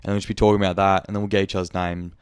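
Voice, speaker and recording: Deep-voiced young Australian man, frank. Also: flat delivery, racing, smooth, no echo, clean studio sound. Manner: rambling, frank, swears freely. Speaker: podcast host. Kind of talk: casual reflective monologue.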